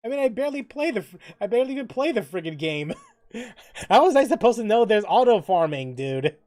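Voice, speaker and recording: This gaming livestreamer speaks fairly quickly in a medium-pitched voice, animated and joking with mild swearing as he reads chat aloud and comments on play. The audio is studio quality with no echo, and background music runs underneath.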